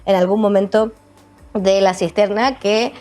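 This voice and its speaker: A Chilean woman in her thirties hosting a talk show, upbeat and quick, often chiming in. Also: medium pitch, fairly even intonation, a little mellow, faint music behind. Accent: Chilean Spanish. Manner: upbeat, fast-talking, chimes in often. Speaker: host. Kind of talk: casual talk-show chat.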